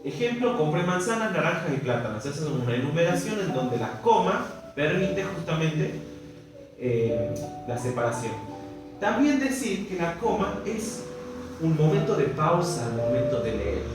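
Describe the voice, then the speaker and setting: With a sing-song, high-leaning voice at a moderate pace, a man with an Argentine Spanish accent leads a language class, breaking things down step by step and often checking that students are following. Music plays underneath, the mic is distant, the room very echoey, and the recording rough.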